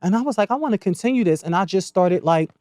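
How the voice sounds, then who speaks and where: A woman's voice: mid-range voice, lively intonation, quick pace, mellow, dry recording, studio quality. A woman in her forties with a Philadelphia accent, chatting candidly and sassily as a podcast guest, laughing often. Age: 40s. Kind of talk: casual podcast chat.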